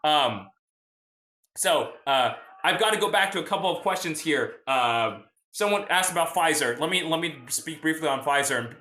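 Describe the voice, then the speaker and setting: A man's voice: on the high side, expressive, moderate pace, sharp tone, echoey room. A young man hosting a casual livestream about finance, explaining in a chatty way and greeting viewers from the chat. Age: young adult. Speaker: host.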